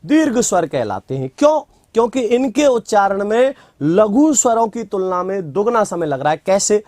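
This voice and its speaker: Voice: medium pitch, sing-song, moderate pace, a little mellow, dry recording, studio quality. A teacher giving a classroom grammar lecture, asking rhetorical questions, answering them, and dictating notes word by word with repeats.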